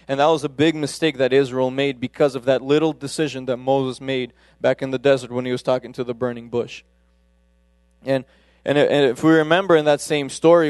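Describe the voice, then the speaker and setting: A man's voice: medium pitch, a little mellow, clear, resonant tone, dry recording, studio quality. A man giving a conversational sermon, often breaking off and restarting his sentences. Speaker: preacher. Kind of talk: casual sermon.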